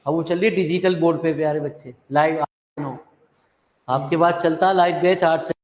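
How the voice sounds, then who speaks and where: A man's voice: fairly high pitch, steady tone, moderate pace. A male math teacher, lecturing in a chatty way and calling the students "dear children". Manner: chatty, calls students "dear children", mixes English terms. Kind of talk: classroom lecture. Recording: echoey, dull classroom recording.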